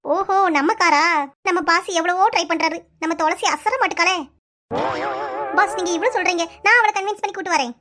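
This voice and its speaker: A squeaky, very high young woman from a cartoon office, played by a woman. She chatters, teases her friend and scolds her with affection. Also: brisk, a crowd in the background. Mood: teasing. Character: young women office workers, teasing friend and tearful sister. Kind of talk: cartoon voice acting.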